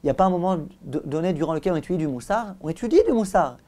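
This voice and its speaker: With a dark tone but a voice on the high side, a rabbi races through a Torah lesson at a very fast pace, sounding expressive. He teaches emphatically, repeats phrases, and addresses questions directly to the audience.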